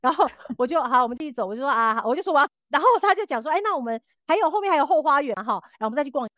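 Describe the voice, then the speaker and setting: A woman's voice: high-pitched, expressive, very fast, fairly bright tone, dry recording, studio quality. A woman co-hosting a podcast, telling a story animatedly and acting out the quoted lines. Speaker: podcast co-host. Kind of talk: casual storytelling chat.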